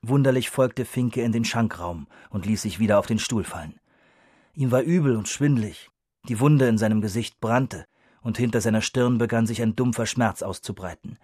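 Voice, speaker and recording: A man's voice: medium pitch, normal speed, warm tone, no echo, clean studio sound. Man narrating an audiobook.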